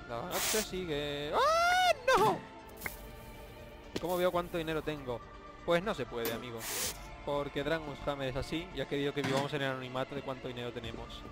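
A young man from Spain with a Spanish accent, giving jokey, excitable commentary over a Minecraft let's play, yelping and shouting when surprised. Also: mid-range voice, brisk. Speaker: gaming YouTuber. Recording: game music playing behind. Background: game music.

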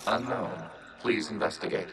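A man voicing a calm, emotionless synthetic machine collective in a video game, speaking in flat, clipped, precise announcements. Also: normal speed, close to an everyday voice. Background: loud game music.

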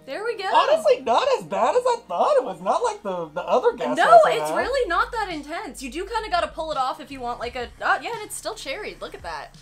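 A woman's voice: high voice, wildly swooping pitch, fast, hardly any pauses, over music. A woman chatting casually through a gas mask, giggling and exclaiming as she reviews a cannabis product. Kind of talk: casual chat.

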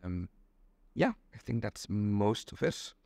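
A young man from Belgium talks as an in an unhurried, methodical way, pausing on ums as he explains. His voice sits a little low, and the room sounds dry and close. He is seated in a small indoor room and recorded on a camera. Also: expressive, gravelly, warm tone, dry recording. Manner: patient, explains step by step with many ums. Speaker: interview guest. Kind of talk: casual explanatory chat.

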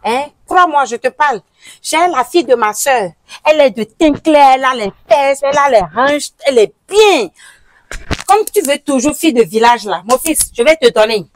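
Woman playing a shrill scolding village mother. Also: lively intonation, normal speed, no room sound, rough recording. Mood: coaxing. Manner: emphatic, repeats questions insistently.

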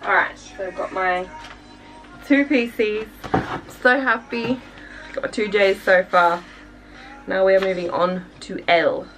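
A woman's voice: mid-range voice, measured pace, long pauses, a bit bright, distant mic, soft background music, low-quality recording. A young woman from Australia gushing and chatting casually while unboxing albums for her vlog, full of fillers and sighs. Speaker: K-pop reaction vlogger.

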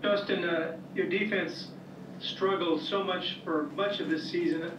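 A man's voice: sits high, steady tone, unhurried, recorded from a distance. A man, a reporter asking the coach a long, pointed question over a video call. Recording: dull, roomy call audio played in a noisy room.

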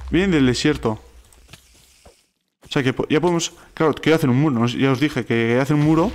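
Fast-talking Spaniard narrating gameplay. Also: male voice, mid-range voice. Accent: Spain Spanish. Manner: excitable, repeats words rapidly when alarmed. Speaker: gaming YouTuber. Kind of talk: let's play commentary.

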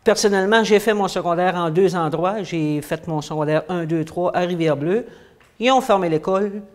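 With a lowish, slightly mellow voice at normal speed, a woman in her fifties who teaches English answers interview questions, hesitant and full of fillers. She grew up in the United States and then Quebec, has a Quebec French accent, and is indoors in a small room against a plain wall.

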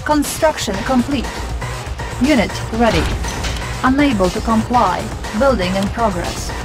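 A woman voicing a calm female base computer that gives clipped, even status announcements through a processed computer voice over game music. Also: on the high side, measured pace. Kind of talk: video game voice prompts. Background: game music and sound effects.

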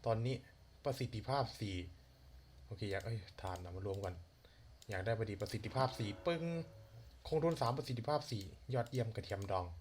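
A young man casually talking to himself while playing a game, chatty with quick exclamations and light swearing. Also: mid-range voice. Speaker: gaming channel host. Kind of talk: casual let's-play commentary. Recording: faint fan noise and key clicks. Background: computer fan hum and keyboard clicks.

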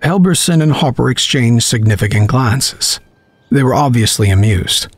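A man narrating a horror story, reading in a measured, dramatic way. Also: mid-range voice, expressive, husky, no echo.

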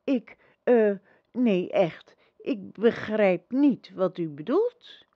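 A woman's voice: mid-range voice, lively intonation, very slow, no echo, lo-fi sound, full character voice. A woman voicing a brave young boy hero who stammers and pleads in bewildered outbursts, reading a storybook aloud.

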